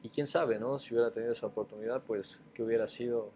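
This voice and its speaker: A man's voice: medium pitch, fairly even intonation, fast, dark tone, slight background noise. A man from Ecuador with an Ecuadorian accent, a former footballer answering interview questions hesitantly, with many fillers and repeated words. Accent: Ecuadorian Spanish.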